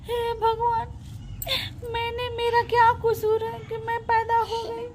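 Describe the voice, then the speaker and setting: A woman's voice: high voice, steady tone, slow pace, a little hiss or hum. A woman voicing a meek, tearful young daughter. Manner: meek, pleading, sobbing.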